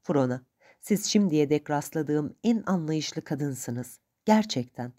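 A woman's voice: deep voice, animated, takes it slowly, warm tone, heavily acted. A woman reading the lines of an earnest young man who pleads and apologizes.

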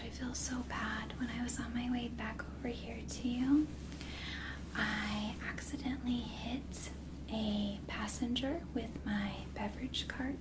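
Young lady doing whispered role-play as a caring flight attendant, really flat soft whisper, soothing, noisy background. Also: on the high side. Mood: apologetic, confiding. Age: young adult. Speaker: ASMR performer.

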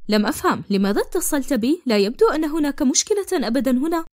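A woman's voice: high voice, lively intonation, fast, a little mellow, no echo, studio quality. Woman voicing a curious, impatient young woman. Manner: questioning, impatient. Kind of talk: cartoon dubbing in formal Arabic.

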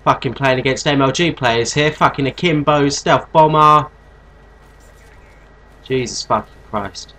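A man's voice: medium pitch, measured pace, long pauses, pushed and bright, slight background noise. A young British man commentating on a video game as a raging gamer, angrily ranting and swearing. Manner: raging gamer, angry, foul-mouthed ranting.

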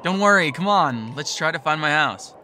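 A man voicing a big, cheerful male wolf who loves thrills, in a visual novel reading, loud and enthusiastic. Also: medium pitch, a little fast, slight background noise. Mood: excited.

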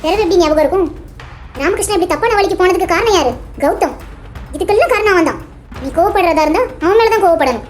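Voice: extremely high pitch, expressive, fast talker. A performer voicing a friend in a cartoon who lectures and presses for answers. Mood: lecturing. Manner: lecturing, insistent. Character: young friend Sakthi, preachy advice-giver. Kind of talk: cartoon voice acting.

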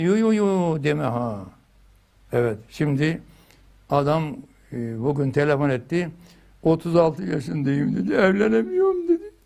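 Older man giving a lively religious lesson. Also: on the high side. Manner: lively storytelling, chanting phrases loudly for emphasis. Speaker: religious teacher.

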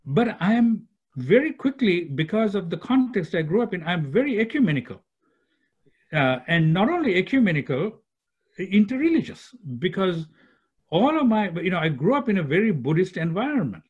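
A man's voice: high-pitched, big pitch swings, moderate pace, darkish tone, slightly rough. An older man from Sri Lanka talking as a guest on a video call, thoughtful, often restarting words as he searches for phrasing. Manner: thoughtful, repeats words while searching for phrasing, gestures with hands. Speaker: guest, executive director of a peacemaking institute. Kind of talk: conversational interview on a video call. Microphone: computer microphone on a video call. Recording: dull lo-fi video call audio.

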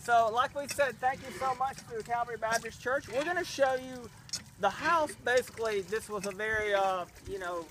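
Speaking in an extremely high-pitched voice at a moderate pace, a charity representative in middle age tours a village well and a small new house outdoors. He holds the camera himself and explains along the way in an enthusiastic, grateful, casual vlog style. Noise fills the background.

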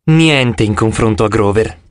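A man narrating an audiobook in an expressive, first-person storytelling style. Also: lowish voice, a little slow, smooth, dry recording, studio quality.

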